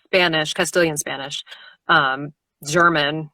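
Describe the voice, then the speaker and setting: Lively low-voiced woman, dry close sound. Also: unhurried, dry recording. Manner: animated, laughs often, jumps into character voices. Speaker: audiobook narrator. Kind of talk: casual live-stream chat.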